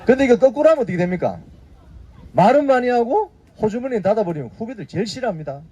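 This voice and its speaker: A man's voice: very high voice, very animated, quick pace, mellow, breathy edge, muffled recording. A man in his fifties hosting a casual news briefing, prodding his viewers with short tag questions. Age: 50s. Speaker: YouTube news briefing host. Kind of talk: casual spoken commentary.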